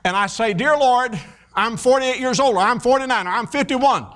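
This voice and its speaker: A man in his fifties preaches a sermon in a folksy, animated way, telling stories full of fillers and restarts. His voice is extremely high-pitched, at normal speed.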